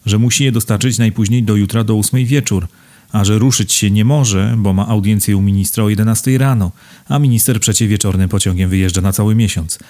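A man reading a novel aloud as audiobook narrator, in a measured storytelling manner. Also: on the low side, dark tone. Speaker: audiobook reader.

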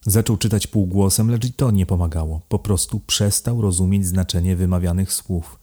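A man calmly narrating a novel as an audiobook. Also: low voice, normal speed. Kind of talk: scripted narration.

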